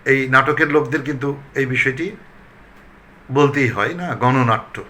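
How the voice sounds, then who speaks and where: A man from Bangladesh, a recitation trainer, giving a pronunciation lesson and repeating example words slowly and deliberately. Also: medium pitch, fairly even intonation, bright, forceful tone.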